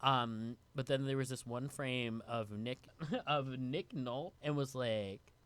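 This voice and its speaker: Raised in New York, this podcast co-host and actor casually rambles through a guest's background, leaning on "like" again and again. He speaks slowly with a medium-pitched, clean-toned voice.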